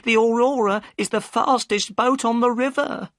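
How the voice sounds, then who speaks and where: A man voicing a worried, tearful boatman's wife in a high, pleading voice. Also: fairly even intonation, normal speed, fairly bright tone, no room sound, studio quality. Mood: anxious.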